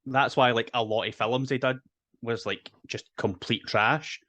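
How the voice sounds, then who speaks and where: A man's voice: medium pitch, fairly even intonation, a little slow, crowd noise. A man co-hosting a casual podcast, chiming in with brief, agreeable comments. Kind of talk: casual chat.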